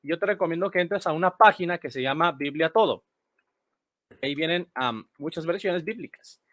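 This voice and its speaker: A man's voice: fairly high pitch, moderate pace, fairly bright tone, no room sound. A man explaining Bible verses. He repeats key phrases and keeps checking in with his listeners as he reads translations aloud. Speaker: Bible teacher. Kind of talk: screen-share Bible study explanation.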